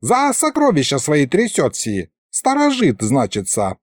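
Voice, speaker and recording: A man's voice: fairly high pitch, wildly swooping pitch, unhurried, no echo, full character voice. A man voicing a grumpy, quarrelsome old male ghost wizard who scolds and uses folksy old sayings. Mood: cranky.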